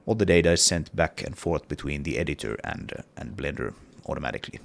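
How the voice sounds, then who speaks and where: This very deep, gravelly voice belongs to an indie game developer who has a cold and has partly lost his voice. He talks fast and casually through his game level, hesitating often and leaning on fillers in his devlog.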